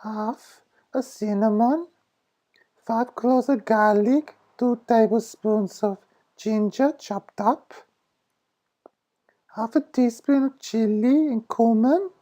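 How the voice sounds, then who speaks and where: Slow, mellow, high-voiced woman presenting recipes. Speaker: cooking show presenter. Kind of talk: recipe ingredient narration. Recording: dull, lo-fi sound.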